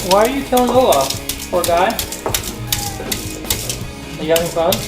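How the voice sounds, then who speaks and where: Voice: mid-range voice, animated, normal speed. A parent chatting casually and playfully with young children, encouraging them and asking lots of questions. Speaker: parent vlogger. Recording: roomy echo with loud music behind.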